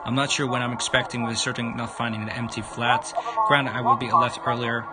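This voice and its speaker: Reading a visual novel aloud on a livestream, a man comments as he goes and frequently trips over the words. He speaks a little fast in a medium-pitched, steady voice, and the recording has loud background noise.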